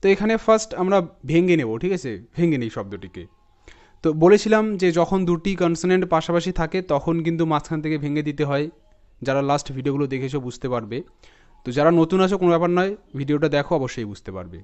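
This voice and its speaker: A man with a Bengali accent teaches English spelling, splitting words into syllables and repeating them for his viewers. His voice sits fairly high and sounds smooth and clear. The recording is a bit dull and lo-fi. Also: animated, darkish tone. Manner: explains patiently, breaking words into parts and repeating them slowly; talks straight to viewers, often checking in with "okay?". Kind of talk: spelling and pronunciation lesson.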